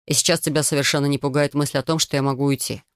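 A woman reading an audiobook voices a young man who slowly and insistently justifies himself to his fiancée. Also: low-pitched, steady tone, dry recording, studio quality, close to an everyday voice. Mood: defensive.

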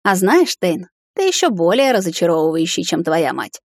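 A scornful young witch from a fantasy audiobook, sneering and cold in a low, dry voice. A woman reader acts her out. Every line drips with contempt. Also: very animated, normal speed, no room sound. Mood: mocking. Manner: mocking, sneering.

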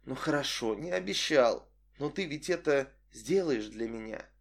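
A man reading an audiobook voices a manipulative young woman who speaks in a cool, flat, matter-of-fact way. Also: medium pitch, moderate pace, vocal fry. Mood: quiet.

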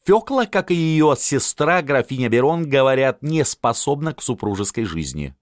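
A man's voice: mid-range voice, very animated, moderate pace, no room sound, clean studio sound, voice pushed up, lightly acted. A man voicing a sleepy, grumbling noblewoman, the field marshal's wife, in an audiobook. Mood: peevish. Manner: sleepy, peevish.

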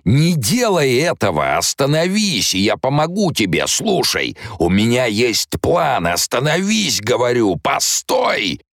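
A man reading an audiobook voices a possessed young woman who shouts in the domineering voice of an old tyrant, in frantic commanding bursts. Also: medium pitch, wildly swooping pitch, measured pace, creaky, hardly any pauses, no echo, studio quality, voice pushed up, exaggerated voice.

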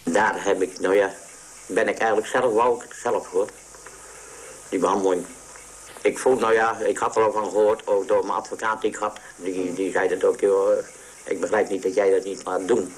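A man's voice, electronically distorted and pitch-shifted to keep him anonymous, sits fairly low. He talks hesitantly in a radio interview and keeps breaking off and starting sentences again. A faint hiss runs under the recording. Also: level tone. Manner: hesitant, halting, many restarts. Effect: voice distorted to disguise identity, pitch-shifted. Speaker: interviewee, former patient.

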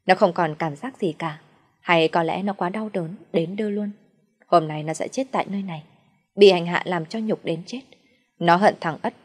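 A woman storyteller narrating a dark folk tale in a steady, even voice. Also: on the low side, normal speed.

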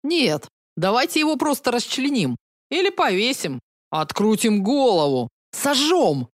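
Женщина изображает робкого юного маньяка. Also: female voice, a little high, very animated, a little slow, dry recording, clean studio sound, pitched above the performer's own voice. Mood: eager. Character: timid young male serial killer.

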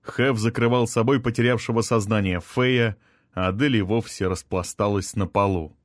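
A man narrating a first-person fantasy audiobook in a steady, measured reading. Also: lowish voice, dry recording, clean studio sound. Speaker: audiobook reader.

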